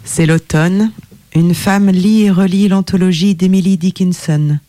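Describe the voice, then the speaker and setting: A man reading a literary synopsis aloud in a measured, poetic way. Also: on the high side, mellow, no room sound. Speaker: reader.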